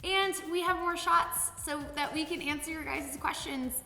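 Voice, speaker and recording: A woman's voice: high-pitched, normal speed, vocal fry, bright, forceful tone. A woman with a Californian American accent chatting casually and candidly as a vlog host, with informal, sweary phrasing. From San Diego, California, USA. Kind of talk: casual Q&A chat. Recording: echoey reverberant room, music underneath.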